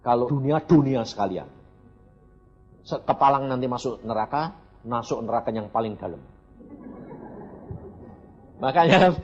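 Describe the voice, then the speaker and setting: A man's voice: medium pitch, breathy edge. An older Indonesian man preaching a blunt, plainspoken sermon and acting out his quoted exchanges. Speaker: evangelist preacher. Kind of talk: sermon with personal testimony. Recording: dull lo-fi sermon recording with faint music.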